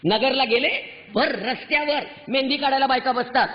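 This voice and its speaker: Woman lecturer, impassioned scolding speech, very high voice, dull muffled sound. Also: normal speed. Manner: scolding, fiery, full of rhetorical questions. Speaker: public speaker addressing women. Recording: muffled sound with long hall reverb.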